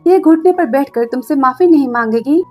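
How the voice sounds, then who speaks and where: A woman's voice: high voice, brisk, darkish tone, faint music behind, lightly acted. A woman voicing a rich young male CEO who speaks in curt, commanding lines.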